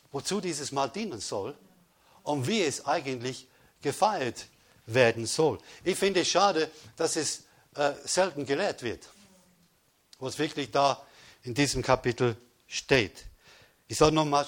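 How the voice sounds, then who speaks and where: Husky man preaching with emphatic force. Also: medium pitch. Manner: emphatic preaching with repeated praise calls, swinging between loud and hushed. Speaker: pastor. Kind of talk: sermon.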